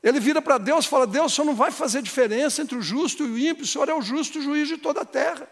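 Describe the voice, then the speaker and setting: A very high-pitched, fast-talking pastor delivers a sermon, rising into emotional, emphatic stretches and playing out dialogues with members of his congregation. The audio carries a long hall reverb.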